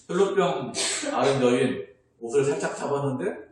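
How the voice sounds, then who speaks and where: A man's voice: medium pitch, lively intonation, moderate pace, darkish tone, a little hiss or hum. A man preaching a sermon as pastor, telling the story with rhetorical questions and acting out quoted lines. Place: church sanctuary. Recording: strongly echoey church sanctuary.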